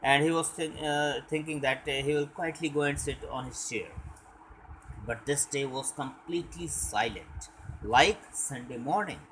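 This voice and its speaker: A young man teaching, reading a story aloud and then explaining it line by line, with halting explanations full of fillers. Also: fairly high pitch, a bit bright, slight background noise, low-quality recording.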